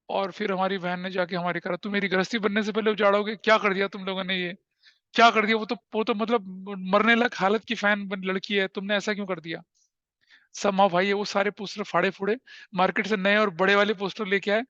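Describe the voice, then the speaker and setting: Man, classroom lecture, high voice, animated questioning, dull muffled recording. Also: no room sound. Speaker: teacher.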